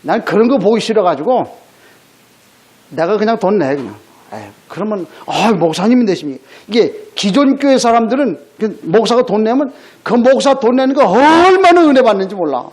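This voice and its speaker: Male pastor, Sunday sermon. High, lively voice. Chatty, blunt, full of rhetorical questions. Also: normal speed. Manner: conversational preaching, rhetorical questions, blunt scolding asides. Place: church sanctuary.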